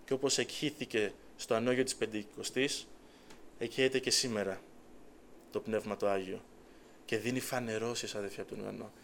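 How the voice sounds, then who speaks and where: Man, preacher, sermon testimony, gravelly voice, earnest storytelling, faint background hiss. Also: on the low side, fairly even intonation, fairly bright tone. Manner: storytelling with quoted dialogue, earnest.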